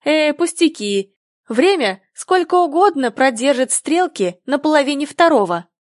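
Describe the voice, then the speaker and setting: A woman's voice: high voice, sing-song, unhurried, no room sound, studio quality. A woman reading the lines of a cheeky know-it-all boy in a storybook, teasing and mocking.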